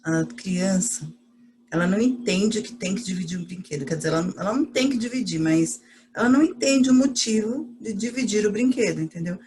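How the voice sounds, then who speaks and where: A woman's voice: mid-range voice, fairly quick. A woman casually and patiently explaining child behavior, with conversational fillers.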